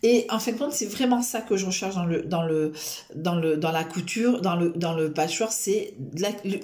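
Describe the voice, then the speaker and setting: Lady vlogging at home, lowish voice, rambles with lots of euhs, roomy echo. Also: normal speed, a little mellow. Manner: rambling, full of fillers and restarts; self-mocking and chatty. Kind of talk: casual rambling chat to camera.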